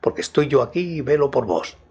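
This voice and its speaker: A grave, mysterious nobleman who speaks with calm authority and measured solemnity, as a male narrator puts him on. His lines come steady and commanding, like a man who never doubts himself, in a storybook reading. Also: mid-range voice, husky.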